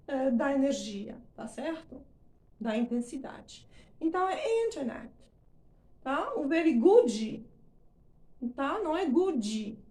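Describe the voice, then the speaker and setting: A woman's voice: high voice, a little mellow, roomy sound. A woman teaching English pronunciation in Portuguese, stressing words emphatically and checking in with frequent short questions. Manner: emphatic, drawn-out demonstrations of words. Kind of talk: explanatory lesson.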